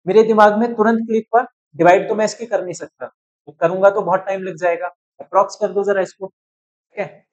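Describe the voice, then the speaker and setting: A man's voice: sits high, darkish tone, low-quality recording. A young man teaching chemistry, working through a calculation step by step and often checking that students are following. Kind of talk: chalkboard-style math walkthrough.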